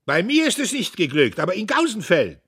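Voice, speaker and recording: Man playing blustering bully, bellowing, high and loud, husky. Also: wildly swooping pitch, fairly quick, full character voice. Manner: bellowing, boastful.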